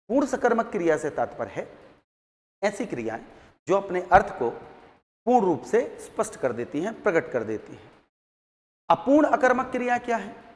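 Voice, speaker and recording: High-voiced male grammar teacher. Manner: asks the class questions and answers them himself. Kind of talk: classroom grammar lesson. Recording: long hall reverb.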